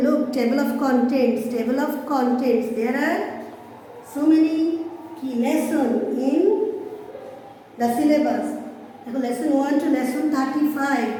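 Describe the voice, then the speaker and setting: A high-pitched woman with a Bangladeshi accent teaches English, stretching English phrases slowly and glossing them in Bengali. Her tone is soft and mellow. The recording rings with heavy echo and a long reverb tail. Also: slight background noise. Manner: explains English words slowly in Bengali, asks checking questions. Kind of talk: recorded classroom lesson.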